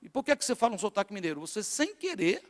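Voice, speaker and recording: A middle-aged man from northeastern Brazil with a Northeastern Brazilian accent, preaching to a congregation with rhetorical questions and swings between loud and hushed. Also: sits high, sing-song, racing. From Natal, northeastern Brazil. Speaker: pastor. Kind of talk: sermon to a congregation. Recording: long hall reverb in a church.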